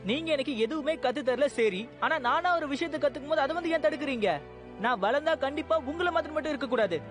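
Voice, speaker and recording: A woman's voice: a little high, brisk, natural voice. A woman dubbing a stubborn young boy who talks back resentfully, with music behind. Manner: pleading, then sulky and accusing.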